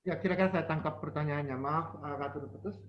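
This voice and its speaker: A man with a Japanese accent, a non-native speaker in an online interview, talking haltingly as a foreigner, repeating words while searching for the next. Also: fairly high pitch, fairly even intonation. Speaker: interview guest. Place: online video call. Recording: muffled, faintly noisy video call.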